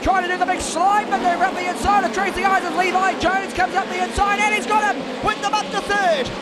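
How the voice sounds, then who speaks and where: A man calling a race at a very high, strained pitch over loud crowd and engine noise, in full hype-announcer mode. He shouts excitedly and stretches out his calls to build the drama. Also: brisk.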